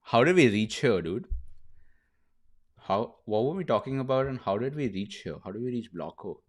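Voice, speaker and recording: Young male streamer, easygoing chat, mid-pitched, laughs a lot, says bro. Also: animated, moderate pace. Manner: laughs often, peppers speech with "bro" and "dude". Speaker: streamer host. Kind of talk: casual livestream chat.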